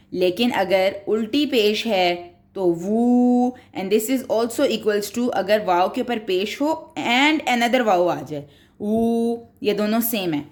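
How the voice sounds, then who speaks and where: A woman teaching Quran reading in a recorded tutorial, explaining each rule patiently, step by step. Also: medium pitch. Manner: patient, explains step by step, mixes in English words.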